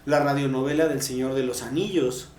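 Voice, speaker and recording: This Mexican podcast co-host talks briskly in a mid-range, darkish voice with fairly even intonation. During the casual panel chat he explains things at length and sprinkles in slang, all captured in a roomy, echoing recording.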